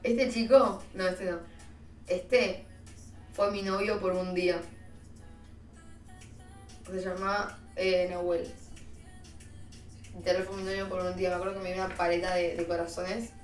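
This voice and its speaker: A woman's voice: on the low side, flat delivery, measured pace, long pauses. A woman with an Argentine accent telling stories to her stream chat in a slangy, chatty way, laughing at herself. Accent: Argentine Spanish. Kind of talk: casual storytelling to stream chat. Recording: roomy, distant mic, faint music.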